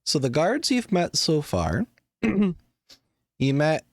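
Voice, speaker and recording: A man narrating as game master, unhurried and filling pauses with ums and uhs. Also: on the high side, no room sound, clean studio sound. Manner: relaxed, hesitant, with many fillers.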